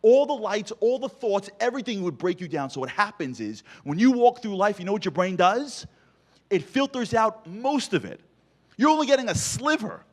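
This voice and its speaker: A man's voice: high voice, sing-song, normal speed. A man giving a comic, storytelling motivational speech, punchy and full of rhetorical questions. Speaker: motivational speaker.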